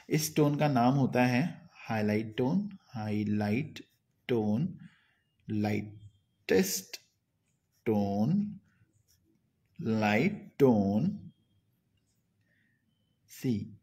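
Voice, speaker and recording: Slow, patient male drawing teacher. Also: mid-range voice, darkish tone. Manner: patient, repeats phrases, checks in with "right?" often. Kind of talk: live online drawing lesson, mixing Hindi and English.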